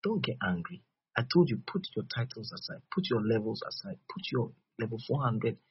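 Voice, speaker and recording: A man's voice: mid-range voice, expressive, brisk, husky, no echo, muffled recording. A man with a West African accent preaching a teaching sermon, repeating phrases and checking that his listeners understand.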